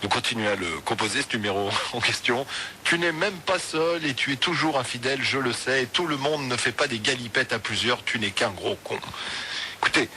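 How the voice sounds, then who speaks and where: A man's voice: mid-range voice, a little fast. A man hosting a late-night call-in radio show, joking and loose with the callers. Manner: lively, joking, apologetic asides. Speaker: radio host. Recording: radio broadcast with light noise.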